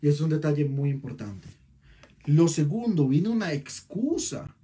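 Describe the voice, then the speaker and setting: Male pastor, husky voice, fairly high and lively pitch, sermon. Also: unhurried. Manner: animated preaching with rhetorical questions.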